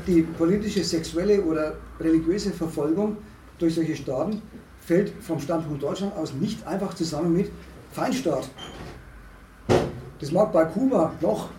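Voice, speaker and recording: A man holding forth in a discussion, halting and restarting often, with emphatic rises. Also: on the high side. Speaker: speaker at a discussion on asylum. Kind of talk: lecturing discussion talk. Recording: echoey room, distant mic, faint noise.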